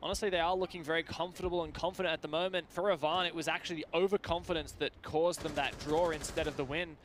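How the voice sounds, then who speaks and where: A man calls a live esports match. His voice sits a little high and his delivery is keen and excitable. There is clear noise behind him. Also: fast talker. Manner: excitable, with exclamations at big plays; self-confessed nerdy enthusiasm. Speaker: esports commentator. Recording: clearly noisy background.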